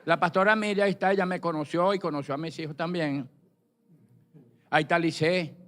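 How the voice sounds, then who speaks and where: A man's voice: a little high, fairly even intonation, fairly quick, fairly bright tone, a little hiss or hum. Plain-spoken man giving a church testimony. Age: middle-aged. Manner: plain-spoken, fills with "pues". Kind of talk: personal testimony. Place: church service.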